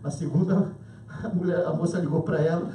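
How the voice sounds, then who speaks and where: Lively male preacher in an echoey hall. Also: fairly high pitch, moderate pace. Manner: emphatic, chatty, acts out dialogue, laughs often. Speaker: pastor. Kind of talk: sermon storytelling. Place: church hall. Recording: roomy church hall, distant mic, faint noise.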